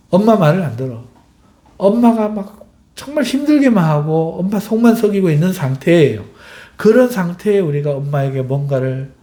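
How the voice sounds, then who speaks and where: A male pastor preaching a lively sermon, acting out everyday dialogue to illustrate his points. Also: a little high.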